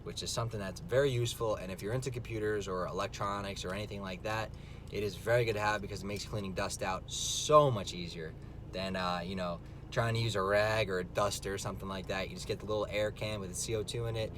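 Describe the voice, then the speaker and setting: A man's voice: steady tone, quick pace. A young man from New Jersey, filmed on a phone while driving, chatting loosely and rambling with lots of filler words. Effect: filmed on a phone in a moving car. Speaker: vlogger. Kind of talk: casual vlog chat while driving. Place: inside a car on the road. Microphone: phone camera mic. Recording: phone video with loud car rumble. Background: vehicle engine and road rumble.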